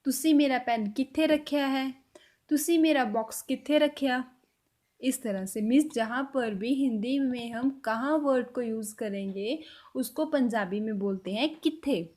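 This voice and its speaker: High-pitched lady teaching a language lesson, says example phrases slow and careful, goes quiet at the end of each bit. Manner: drops to a quiet close at the end of each point.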